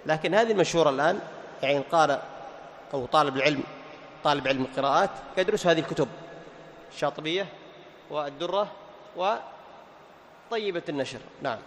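A man teaching a recitation class in a hall that gives his fairly high voice a long reverb. He quizzes his students and breaks into chanted verses. A faint hiss sits under the recording. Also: fairly quick, pauses often, fairly bright tone. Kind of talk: classroom lesson with questions to students.

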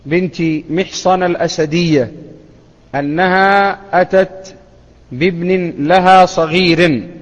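A man giving a religious lesson, explaining a classical text in a measured way, pausing and correcting himself at times. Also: fairly high pitch. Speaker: Islamic scholar teaching hadith. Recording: dull lo-fi sound with long reverb.

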